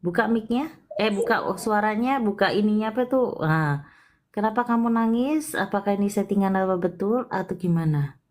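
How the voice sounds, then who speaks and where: A woman hosting a live palm-reading consultation, chatty and expressive, with frequent exclamations. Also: mid-range voice, normal speed. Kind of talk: casual live-stream reading.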